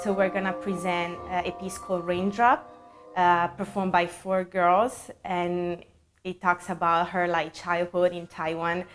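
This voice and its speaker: A young adult woman explains a dance piece in a plain, slightly hesitant way. Her voice is lowish and even in pitch. Music plays clearly in the background. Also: a little slow. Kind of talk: interview answers.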